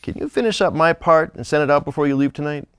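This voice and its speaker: A man's voice: a little high, fast, a bit bright, clean tone, close to an everyday voice. An actor playing a male coworker in a workplace role-play scene, with a plain everyday delivery. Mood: asking. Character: male coworker asking a favor. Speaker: actor in a training video.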